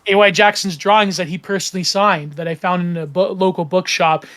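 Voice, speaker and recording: High-voiced rambling Canadian man. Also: steady tone, fairly quick, fairly bright tone. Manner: rambling, many fillers and restarts. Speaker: podcast host. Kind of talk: casual podcast chat.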